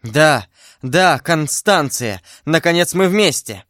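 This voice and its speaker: This is a man voicing a passionate young swordsman who cries out, his voice pushed up high and urgent. The sound is dry and close to the mic. The reading has a storybook style. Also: animated, takes it slowly, fairly bright tone, no room sound. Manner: urgent, exclaiming.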